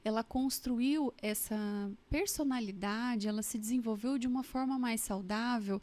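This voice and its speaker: Higher-voiced Brazilian woman therapist. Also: darkish tone. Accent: Brazilian Portuguese. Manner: explanatory, slows down on key points. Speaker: guest therapist. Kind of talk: casual podcast conversation.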